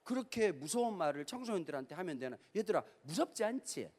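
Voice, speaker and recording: A middle-aged man with a Gyeongsang accent, preaching a lively youth-camp sermon as a pastor and telling stories with playful slang. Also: high-pitched, fast talker. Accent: Gyeongsang Korean. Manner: animated storytelling with acted voices and playful slang. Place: large hall at a youth camp. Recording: reverberant hall.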